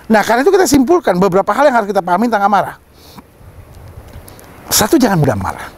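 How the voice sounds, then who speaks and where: Male preacher; bright, high-pitched, very expressive delivery, teasing the congregation. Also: fast talker, no room sound. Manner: animated, joking asides to the congregation, mock voices. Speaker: pastor. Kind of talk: sermon.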